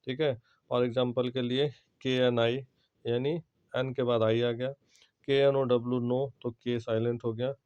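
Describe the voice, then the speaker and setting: A male teacher explains rules to his students step by step, checking understanding after nearly every phrase. His pitch sits in the middle range. The recording is a little dull and lo-fi. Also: a little mellow. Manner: repeats "ठीक है" and "जो है ना" constantly, explains step by step. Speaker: English teacher. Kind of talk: classroom lesson to students.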